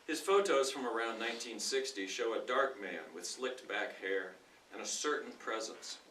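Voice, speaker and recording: Bright, forceful man reading aloud, roomy sound. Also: medium pitch, lively intonation, moderate pace. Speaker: speaker in a dramatic reading contest. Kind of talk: expressive reading aloud of nonfiction to a live audience. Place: indoor room at a speaking club meeting. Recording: roomy, distant mic with faint noise.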